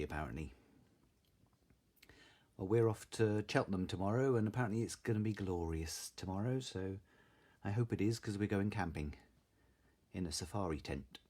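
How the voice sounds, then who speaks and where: Male craft stream host, mellow tone with animated pitch, informal and chatty. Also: slightly rough. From Salisbury, southern England. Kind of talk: casual live stream chat, greeting viewers.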